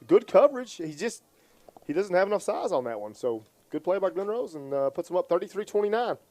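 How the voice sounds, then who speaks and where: A man giving color commentary on high school football radio, folksy and joking. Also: expressive, a little mellow, dry recording. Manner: folksy, joking, quick to laugh.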